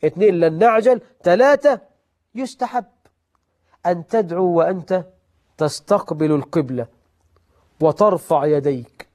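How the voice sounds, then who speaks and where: Male preacher, Egyptian accent, high-pitched, animated sermon delivery with loud and soft swings. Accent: Egyptian Arabic. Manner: animated, swings between loud emphasis and soft asides, slows for scripture. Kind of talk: sermon on prayer etiquette.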